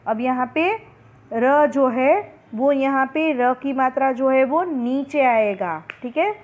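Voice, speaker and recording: Slow-spelling woman teacher, tinny sound. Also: high-pitched, animated. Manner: slow, drawn-out pronunciation of each word for students. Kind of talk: Hindi phonics lesson. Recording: tinny phone-like recording.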